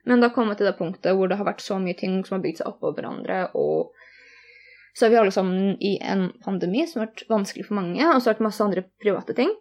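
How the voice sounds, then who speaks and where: A woman's voice: mid-range voice, animated, a little mellow. A young woman telling a personal story in conversation, earnest and candid, retelling each exchange in detail.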